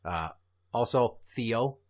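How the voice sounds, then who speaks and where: A man's voice: mid-range voice, expressive, slow pace. A man hosting a comedy podcast, chatting casually and telling crude, morbid jokes. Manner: dark crude joking, storytelling. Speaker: podcast host.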